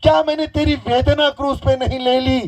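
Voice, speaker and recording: A hoarse man voicing the Lord, who speaks to a preacher in solemn rhetorical questions. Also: very high voice, little pitch movement, moderate pace, pitched above the performer's own voice.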